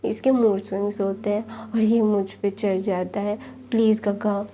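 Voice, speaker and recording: A woman's voice: medium pitch, little pitch movement, measured pace, dark tone, lightly acted. A woman voicing a doting young husband who teases and pleads, in a story reading. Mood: pleading. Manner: teasing, then pleading.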